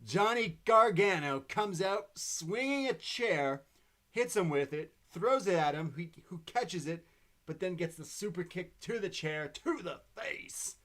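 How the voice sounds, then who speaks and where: A man co-hosting a wrestling podcast, retelling a show in quick, animated play-by-play. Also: high voice. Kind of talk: casual show recap chat.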